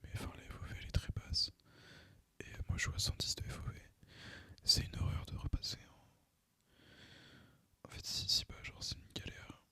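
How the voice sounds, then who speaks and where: A man's voice: normal speed, long pauses, no room sound. Intensely whispering young Frenchman. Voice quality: whispered, unvoiced. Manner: relaxed, slangy, hesitant. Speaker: ASMR gaming creator. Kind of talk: ASMR, casual rambling chat over gameplay.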